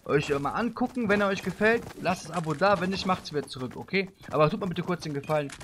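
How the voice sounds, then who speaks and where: A man live-streaming a game, chatting with viewers in street slang and giving them playful orders, breaking into loud shouts. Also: sits high, fast, a little hiss or hum. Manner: bossy playful commands to viewers; street slang, calls people bro. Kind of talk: live-stream gameplay chat.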